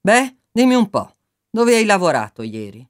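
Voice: mid-range voice, very animated, normal speed, smooth, pitched above the performer's own voice, lightly acted. A narrator voicing a coarse, mocking fifty-year-old male factory boss in an audiobook, with a scornful, bullying, teasing manner. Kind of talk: audiobook character reading.

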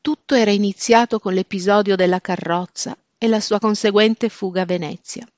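A woman presenting a novel in a measured, scripted narration. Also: medium pitch, steady tone, a little mellow, no room sound. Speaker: book presenter. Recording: dull, dry lo-fi recording.

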